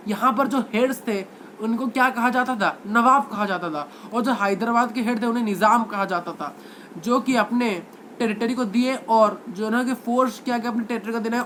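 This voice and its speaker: A man's voice: extremely high pitch, fairly bright tone, a little hiss or hum. A male teacher giving a history lecture, constantly asking questions and answering them himself, repeating key words for emphasis.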